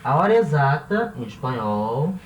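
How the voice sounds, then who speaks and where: A man from Brazil teaching a video language lesson, patiently repeating words slowly and checking in with his viewers. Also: medium pitch, very animated, a little hiss or hum. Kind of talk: classroom-style video lesson. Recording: echoey room with faint ambience.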